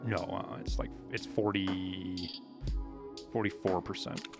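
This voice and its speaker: A man live-streaming a game, chatting casually and swearing as he reacts excitably to the play. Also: sits low, takes it slowly, creaky, music in the background. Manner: sweary, excitable exclamations while playing. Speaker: game streamer, video guide maker. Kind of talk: live gameplay commentary and casual chat.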